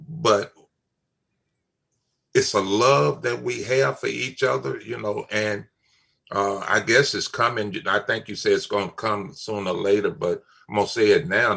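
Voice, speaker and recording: A man's voice: on the low side, creaky, a bit bright, breathy edge. An older man, talking in a casual family chat, emphatic and repeating his key phrases. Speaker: father on a family talk show.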